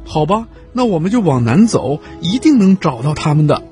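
A man's voice: on the high side, sing-song, moderate pace, warm tone, soft background music, pitched above the performer's own voice. A man voicing a small, friendly boy polar bear cub in a children's story, speaking eagerly and kindly. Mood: cheerful. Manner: eager, kind and encouraging.

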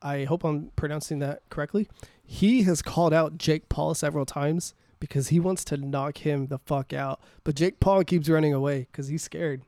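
A man's voice: fairly high pitch, fairly even intonation, moderate pace, mellow, dry recording, clean studio sound. A man co-hosting a podcast, chatting casually about sports, blunt and teasing, swearing freely. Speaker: podcast co-host.

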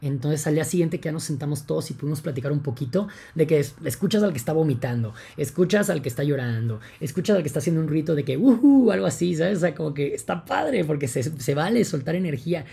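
A young man with a Mexican accent speaks in a casual podcast monologue, excited and rambling, leaning on fillers as he talks. His voice is gravelly and husky, with a mellow, dark tone. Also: a little high, fast, hardly any pauses. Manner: enthusiastic, rambling, many fillers like "entonces" and "o sea". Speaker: podcast host.

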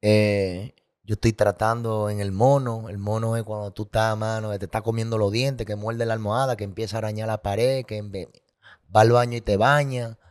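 Hombre de voz grave contando su historia. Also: male voice, lowish voice, level tone, moderate pace, darkish tone. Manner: emotional, vivid, repetitive sound effects. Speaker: guest. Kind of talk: candid personal storytelling.

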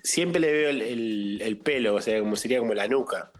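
A man with a Rioplatense Spanish accent, deadpan, telling a personal story in a casual comedic chat. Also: on the low side, moderate pace. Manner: deadpan, peppered with "viste".

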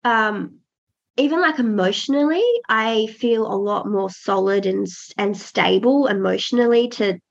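Her voice is gravelly and medium-pitched, never hurried: a pregnant woman in her thirties, a birth doula, talking casually as a podcast guest in an interview. She's earnest and reflective with many restarts, and the recording is dull and lo-fi.

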